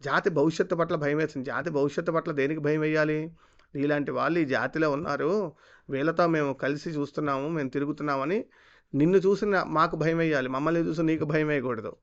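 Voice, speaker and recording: A man rattles off heated commentary at great speed, full of scornful rhetorical questions. His voice is smooth and clear and sits a little high. The recording is dull and lo-fi. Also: brisk. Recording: dull lo-fi sound.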